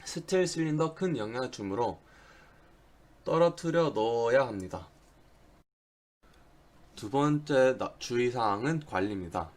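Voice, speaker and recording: A man who is not a native Korean speaker gives an instructional lecture, with a halting delivery and slips on words. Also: medium pitch, expressive. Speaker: diving instructor giving a lecture. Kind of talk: instructional slide presentation.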